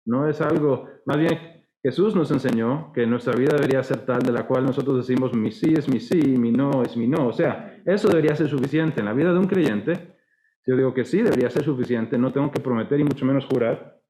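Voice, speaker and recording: A man's voice: mid-range voice, brisk, dark tone, reverberant, low-quality recording. A man preaching a sermon with a Costa Rican accent, conversational and acting out the voices he quotes. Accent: Costa Rican Spanish. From Costa Rica. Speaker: pastor.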